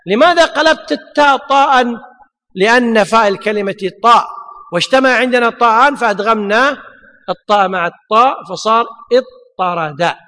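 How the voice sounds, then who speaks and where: A man's voice: very high voice, bright, forceful tone. A man teaching a grammar lesson, repeating his points and asking and answering his own questions. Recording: long hall reverb.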